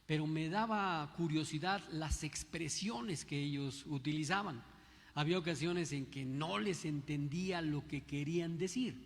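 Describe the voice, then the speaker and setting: Older Mexico City pastor, echoey hall. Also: male voice, on the high side. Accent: Mexico City Spanish. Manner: unhurried, conversational, frequent hesitations. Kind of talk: sermon. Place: church.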